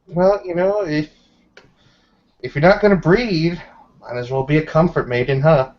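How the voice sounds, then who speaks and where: Swearing without restraint, a player in a tabletop roleplaying game chats casually at a moderate pace. His voice leans high, and the lo-fi recording sounds dull.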